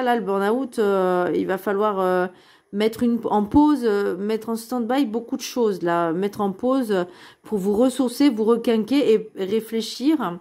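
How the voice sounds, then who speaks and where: Une femme d'âge moyen qui fait une guidance de cartes spirituelle, parlant directement à son public sur un ton sérieux et rassurant, avec beaucoup d'hésitations. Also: female voice, medium pitch, a little mellow. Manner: earnest and reassuring, addresses viewers directly, many hesitations. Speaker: card reader giving a weekly guidance. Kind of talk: spiritual card reading, casual monologue.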